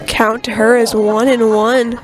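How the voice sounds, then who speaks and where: A woman is calling live play-by-play for a game while getting over a cold, reading sponsor spots between plays. Her voice is a little high, her delivery flat and a little slow, and crowd noise can be heard behind her.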